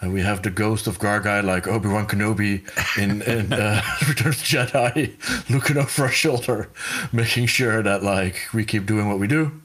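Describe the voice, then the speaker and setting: A chatty man hosting a podcast in a slightly low voice. He rambles along in casual conversation, often restarting his sentences and breaking into laughs. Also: fairly even intonation, normal speed, fairly bright tone, breathy edge. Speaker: podcast host. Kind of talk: casual chat.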